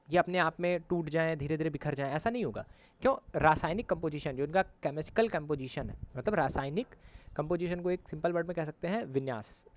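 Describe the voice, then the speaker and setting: A man teaching a school geography lesson over diagrams, explaining patiently, mixing Hindi and English terms, checking in constantly and correcting himself mid-sentence. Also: a little high. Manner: repeats "ठीक है" often as a check-in.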